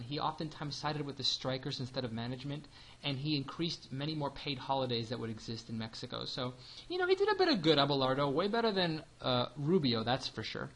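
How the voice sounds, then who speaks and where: A man's voice: medium pitch, fairly bright tone, low-quality recording. A man teaching a history lesson in a casual, chatty way, often saying "you know" and "um".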